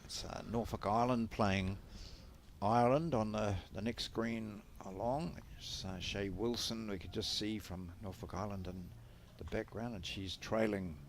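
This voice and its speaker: A man giving live sports commentary in measured, unhurried calls. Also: lowish voice, steady tone, a little hiss or hum.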